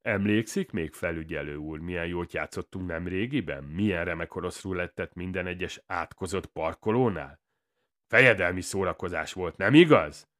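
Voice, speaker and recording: A man's voice: low voice, fairly bright tone. A man voicing a cruel, mocking psychopathic gunman in an audiobook, with a taunting, theatrical manner. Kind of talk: audiobook character voice.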